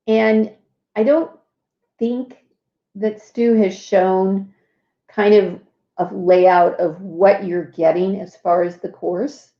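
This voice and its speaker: A woman hosts a casual live walkthrough and talks slowly, with plenty of fillers and small asides. Her voice sits at a middle pitch. It sounds roomy and a little dull. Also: vocal fry. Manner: chatty, lots of fillers and asides. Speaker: host.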